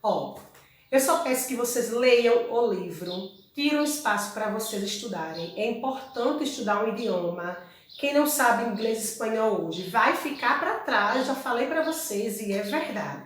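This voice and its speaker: Woman, online class, steady explaining, frequent check-in tags, echoey home room. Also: on the high side, moderate pace. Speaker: Spanish teacher.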